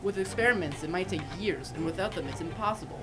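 A teenage girl playing a resigned, grave male scientist in a radio play, speaking in measured phrases. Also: on the low side, over music, lightly acted. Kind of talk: youth radio theatre acting.

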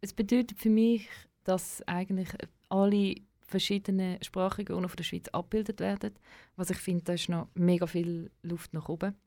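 A woman's voice: lowish voice, fairly even intonation, moderate pace, dark tone, dry recording. A woman with a Swiss German accent talking casually as an interview guest, enthusiastic and searching for her words. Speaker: radio presenter as interview guest.

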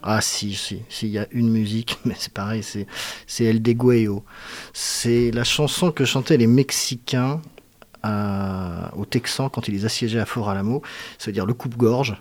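Reflective low-voiced French man. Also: normal speed, no room sound. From France. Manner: reflective, hesitant, searching for words. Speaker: guest actor. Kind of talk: casual interview conversation.

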